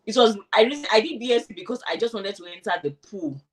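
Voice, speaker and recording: A woman's voice: fairly high pitch, quick pace, far from the mic. A woman being interviewed, chatting casually and animatedly about her own experience, acting out what she thought and said. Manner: animated, acts out quoted thoughts. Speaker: interviewee sharing her immigration story. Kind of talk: casual conversational storytelling.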